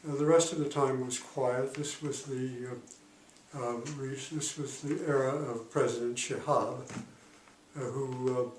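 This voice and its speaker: Recorded from afar in a reverberant room with a faint background hiss, an elderly former diplomat in his eighties gives an oral history interview. He speaks calmly but haltingly, full of pauses and fillers as he gropes for words, at an ordinary male pitch.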